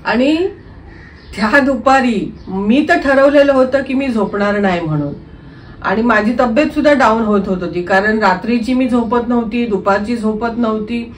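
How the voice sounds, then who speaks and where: A woman's voice: fairly high pitch, normal speed, recorded from a distance, a little hiss or hum. Woman retelling a true ghost story. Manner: unscripted retelling, frequent fillers and clearing throat. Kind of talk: first-person true story narration.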